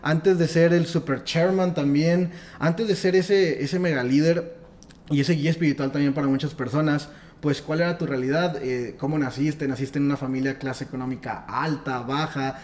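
A man's voice: a little high, fairly even intonation, moderate pace, darkish tone. Upbeat man hosting an interview. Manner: enthusiastic, builds up the guest with long lists. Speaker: podcast host. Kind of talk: casual interview.

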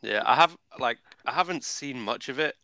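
A man's voice: medium pitch, lively intonation, normal speed, bright, forceful tone, dry recording. A young man in casual chat, blunt and dry, swearing freely.

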